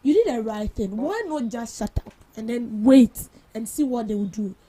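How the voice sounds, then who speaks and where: A young woman with a Ghanaian English accent co-hosts a breakfast radio talk show, casually chatting about the news and firmly arguing her views. She's emphatic and quick to cut in with strong opinions. Her voice is a little high, mellow and slightly rough.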